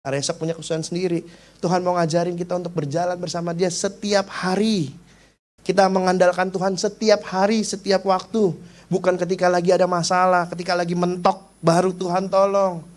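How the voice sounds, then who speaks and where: A young man preaches with a Jakarta accent, mixing everyday slang into his sermon as he tells personal stories. His voice sits a little high for a man. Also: little pitch movement, moderate pace. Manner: casual slangy preaching with anecdotes. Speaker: youth pastor. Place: church service.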